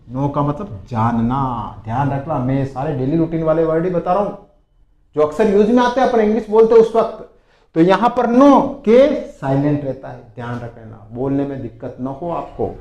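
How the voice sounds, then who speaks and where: A man teaching English vocabulary, repeating each word slowly for drilling. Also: fairly high pitch, darkish tone. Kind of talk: spoken vocabulary lesson. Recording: echoey room.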